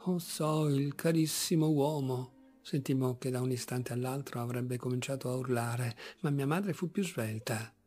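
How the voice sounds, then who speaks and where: A man reading a literary story aloud as an audiobook, measured and expressive. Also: medium pitch, soft background music. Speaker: audiobook reader.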